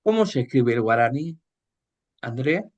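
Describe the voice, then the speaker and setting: A man's voice: mid-range voice, sing-song, normal speed. A male radio host who puts short, direct questions to his guest.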